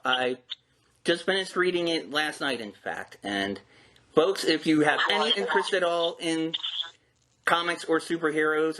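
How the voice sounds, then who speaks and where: A man with a slightly high, bright, forceful voice hosts an interview show, introducing it and talking in a chatty, informal manner. The recording carries a roomy echo and clear background noise.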